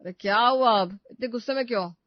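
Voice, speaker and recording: A woman voicing a young husband in an animated family story, defensive and placating between his wife and mother. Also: a little high, a little fast, no room sound, lightly acted. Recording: dry, slightly dull studio recording.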